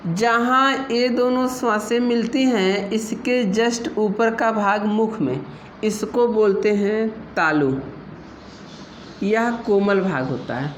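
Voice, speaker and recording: A woman teaching an exam-prep Hindi lesson, explaining slowly and patiently and asking her students questions as she goes. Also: medium pitch. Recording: echoey room with faint noise.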